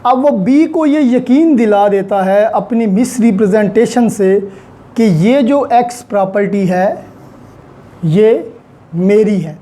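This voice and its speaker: Speaking slowly in a dark, medium-pitched voice, a Pakistani-accented lecturer walks through legal concepts step by step, using examples. The lesson mixes Urdu with English legal terms.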